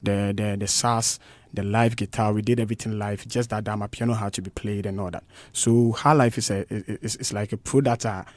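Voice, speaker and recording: A musician with a Ghanaian English accent, appearing as a guest in a radio studio interview, speaks with passion and emphasis, repeating his points. His voice is on the low side, steady in tone and fairly quick, with no echo.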